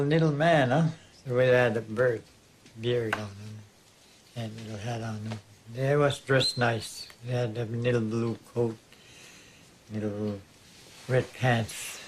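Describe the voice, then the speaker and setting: A man being interviewed, recalling a sighting in plain, halting phrases with nonstandard grammar. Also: medium pitch, slight background noise. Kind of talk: casual spoken recollection.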